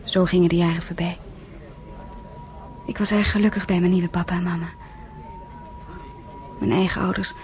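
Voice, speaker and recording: A radio drama actress voices an earnest teenage girl, hesitant and stumbling over her words, while narrating and acting in a radio play. Her voice is lowish with a darkish tone, and a little hiss or hum sits under the recording.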